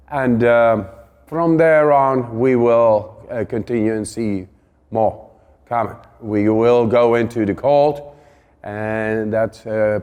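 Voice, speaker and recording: A man's voice: medium pitch, darkish tone, long reverb tail. A man hosting a video course, speaking with many hesitations and fillers. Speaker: course host. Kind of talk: introducing a course.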